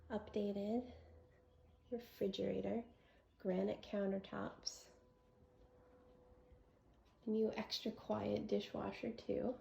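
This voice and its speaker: A woman with a creaky voice giving an enthusiastic home tour as a gushing real estate agent, full of superlatives. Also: medium pitch, warm tone, dull audio. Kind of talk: enthusiastic property tour presentation.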